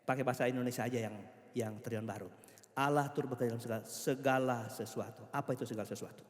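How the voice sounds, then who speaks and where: A man's voice: medium pitch, steady tone, very fast. A male pastor preaching a sermon, questioning the congregation and drawing answers back. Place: church sanctuary. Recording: church hall reverb with soft music.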